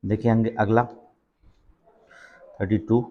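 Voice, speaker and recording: A man's voice: on the low side, level tone, slow pace, highs cut off. A man teaching an exam-prep lesson, reading out quiz questions and repeating each answer with frequent check-ins. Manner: reads questions then repeats answers, many "theek hai" checks.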